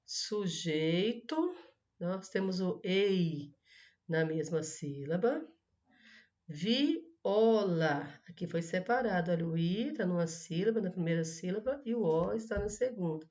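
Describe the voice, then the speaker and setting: A woman teacher going through schoolwork answers, stretching out words slowly and checking in with "né?". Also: lowish voice, dark tone, highs cut off. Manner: slow, syllable-by-syllable word stressing, frequent "né?". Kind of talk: correcting schoolwork in a recorded lesson.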